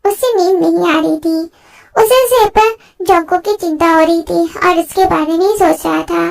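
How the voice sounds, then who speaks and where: A woman narrating a fan-fiction story in a plain, steady storytelling way. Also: extremely high pitch, normal speed, creaky, faint music behind.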